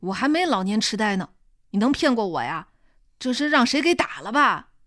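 A woman reading an audiobook, voicing a sharp-tongued elderly mother who scolds and sneers at her grown daughter. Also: big pitch swings, moderate pace, dry recording, clean studio sound. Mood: scornful. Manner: scolding, sarcastic, lower than the narrator's voice.

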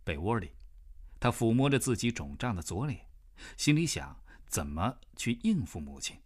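Low-voiced man narrating with wide pitch swings. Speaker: audiobook narrator. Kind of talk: scripted narration.

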